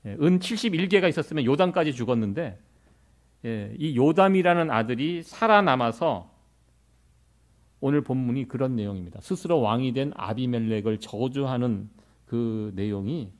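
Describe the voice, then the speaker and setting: A man's voice: mid-range voice, animated, moderate pace. A middle-aged man from Korea, preaching a sermon as pastor in a conversational way, with many rhetorical questions to the congregation.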